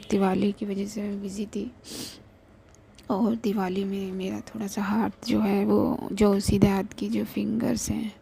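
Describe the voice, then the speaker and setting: A young woman with a cold and flu, narrating a story in a soft, often half-whispered voice and mixing English into her Hindi. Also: medium pitch, gravelly, slight background noise, rough recording. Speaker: storyteller and channel host.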